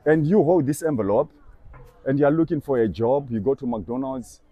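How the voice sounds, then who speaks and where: A young man on a busy shopping street earnestly tries to persuade a passer-by, repeating scripture back to them line by line in this street evangelism exchange. His voice is mid-range at a moderate pace, and the recording is muffled with no room sound.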